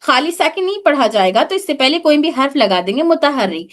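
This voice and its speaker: High-voiced woman teaching on a video call. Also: very animated. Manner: patient, demonstrates sounds slowly and repeats them. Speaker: tajweed teacher. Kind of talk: online class teaching Arabic letter sounds.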